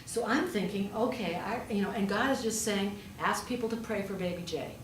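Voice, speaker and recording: Speaking fairly quickly in a mid-range voice, a pastor shares a storytelling sermon in a conversational style, with rhetorical questions and emphatic repetition. She also works as a hospital chaplain. The recording has a roomy, distant quality and faint noise.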